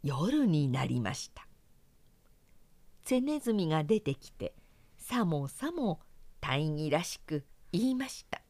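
A professional woman narrator reading a children's story aloud, expressive and clearly articulated, close to the mic. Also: low voice, slow, long pauses, no room sound.

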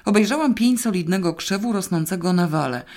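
A woman narrating a first-person audiobook in a wry, even storytelling manner. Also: on the low side, a little fast. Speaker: audiobook reader.

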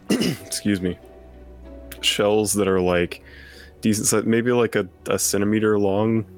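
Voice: low voice, slow, faint music behind. A player in a tabletop game, talking casually with restarts and laughter. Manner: lively, hesitant, restarts and laughs. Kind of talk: casual tabletop role-play.

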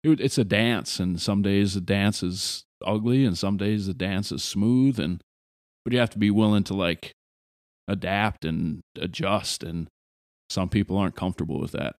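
A man who hosts a podcast and used to teach, talking in a loud, direct and sarcastic way. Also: fairly low pitch, normal speed, no echo, clean studio sound. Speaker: podcast host, former teacher. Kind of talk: casual conversation.

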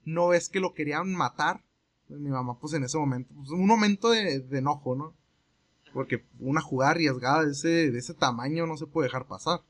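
A man's voice: a little high, fairly quick. A young Mexican man telling a long story in a casual chat, rambling and acting out the voices of the people in it. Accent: Mexican Spanish. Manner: relaxed, rambling, acts out quoted exchanges.

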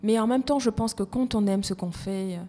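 A woman's voice: medium pitch, brisk, warm tone. A woman speaking as a podcast guest, thoughtful and often restarting her phrases. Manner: reflective, restarts mid-phrase. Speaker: guest, evaluation coach. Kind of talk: conversational podcast interview. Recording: reverberant room with faint noise.

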